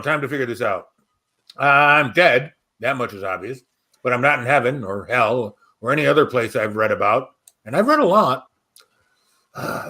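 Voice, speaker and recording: A male storyteller reading a first-person horror-comedy tale with sarcastic, wisecracking delivery. His pitch swings widely from line to line around a mid-level voice. The telling is lively and expressive throughout.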